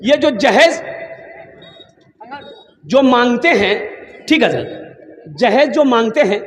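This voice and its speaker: A man delivering a sermon in a very high voice, calling questions out to his listeners and mixing in Bengali phrases. His voice rings through a large hall with a long echo and faint background noise. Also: lively intonation, takes it slowly. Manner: calls out questions to the crowd, mixes in Bengali phrases. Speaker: Islamic preacher. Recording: echoey hall, faint ambience.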